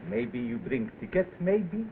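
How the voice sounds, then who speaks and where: A very old, evasive shopkeeper speaks broken English, his pitch lively and jumpy. It is 1930s film acting in clipped phrases. The soundtrack is thin and noisy. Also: measured pace, narrow, tinny audio, heavily acted. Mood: cagey, polite. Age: older. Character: very old, evasive Chinese herb seller.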